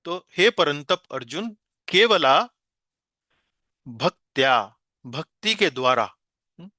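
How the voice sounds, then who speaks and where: Bright-voiced man teaching Sanskrit verse. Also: a little high, lively intonation, dry recording, clean studio sound. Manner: slow, patient explaining with many hesitation sounds; chants Sanskrit words in a slow, drawn-out way. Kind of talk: online class lecture.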